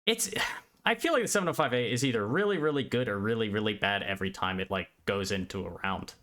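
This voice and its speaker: Male esports play-by-play caster on a remote call; lower voice, steady delivery, technical detail. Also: quick pace. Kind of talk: live esports commentary. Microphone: remote call over the internet.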